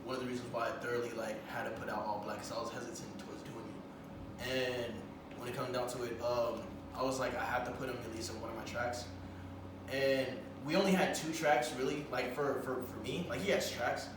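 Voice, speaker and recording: A man's voice: medium pitch, fairly even intonation, a little fast. A man in his twenties, a rapper and producer, answering interview questions hesitantly and leaning on stock phrases. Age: 20s. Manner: hesitant, repeats phrases like "when it comes down to it". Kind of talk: casual interview. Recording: roomy echo, far from the mic, background noise.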